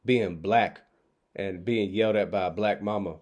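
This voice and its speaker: A man's voice: on the low side, moderate pace, darkish tone. A man chatting casually to his viewers from his kitchen, talking into a laptop mic in a loose, slangy, rambling way with lots of fillers. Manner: laid-back, slangy, rambling with many fillers. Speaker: vlogger. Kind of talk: casual chat to camera. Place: home kitchen. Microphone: laptop microphone.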